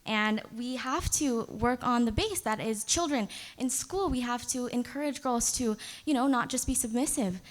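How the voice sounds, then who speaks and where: A woman's voice: a little high, moderate pace, few pauses. Young woman, earnest pageant contestant. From United States and Nepal. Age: young adult. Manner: earnest, hesitant with fillers. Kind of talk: interview answers.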